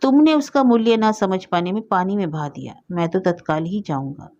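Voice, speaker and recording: A woman's voice: mid-range voice, normal speed, darkish tone, highs cut off, natural voice. A woman reading the lines of a stubborn, grief-struck aging elder brother in an insistent, pleading way. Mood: reproachful.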